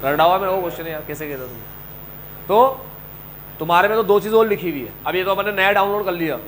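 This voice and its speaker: High-pitched, lively coaching teacher. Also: male voice, fast talker, a little hiss or hum, rough recording. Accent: Indian. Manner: animated, scolding and joking with students. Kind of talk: classroom lecture.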